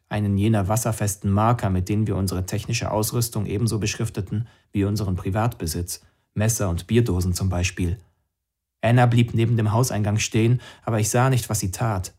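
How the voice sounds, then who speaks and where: A man with a somewhat low voice narrates a novel as an audiobook. His delivery is calm and measured, steady scripted storytelling.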